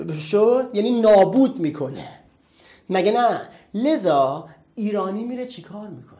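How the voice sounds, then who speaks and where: A teacher giving a classroom lecture in a playful, teasing way, firing quick rhetorical questions at the students. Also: medium pitch, darkish tone. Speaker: English teacher.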